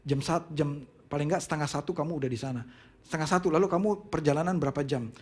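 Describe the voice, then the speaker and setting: A middle-aged man preaching a sermon, telling a personal story in an animated way and mixing in English phrases. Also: on the high side, fast talker, husky. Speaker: pastor.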